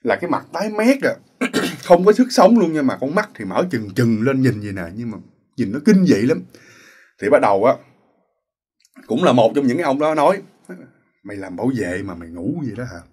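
A man narrates a ghost story at a brisk clip. His voice is husky and a little rough. He keeps the tone casual and speaks straight to his audience, slipping into the voices of the people he describes. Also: mid-range voice, big pitch swings, darkish tone. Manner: acts out quoted voices, talks straight to listeners.

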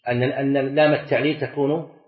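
A middle-aged man, teaching a class, reciting verses slowly and quizzing students with short questions. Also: medium pitch, level tone. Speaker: Islamic scholar teaching a class. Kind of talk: classroom lecture on Arabic grammar and scripture. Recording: echoey, dull lecture-hall recording.

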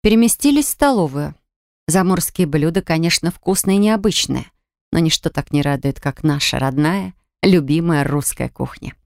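A woman narrating a first-person fantasy audiobook with expressive storytelling. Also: low voice, normal speed, dry recording, clean studio sound.

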